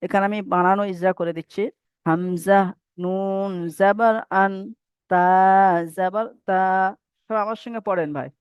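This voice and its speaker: A man's voice: sits high, fairly even intonation, normal speed, pauses often, clear, resonant tone, no room sound. A man teaching Quran recitation rules in a patient, repetitive way and having students recite after him. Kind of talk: online tajweed lesson. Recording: dry, dull lo-fi mic.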